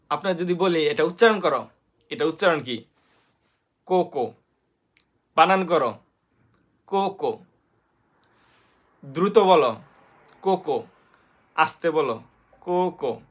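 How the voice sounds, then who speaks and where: A man from Bangladesh with a Bangladeshi Bengali accent, hosting a casual live-stream lesson on basic Japanese. He talks hesitantly with many fillers, spells letters out slowly, and greets viewers by name. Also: on the high side, a bit bright. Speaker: host teaching basic Japanese.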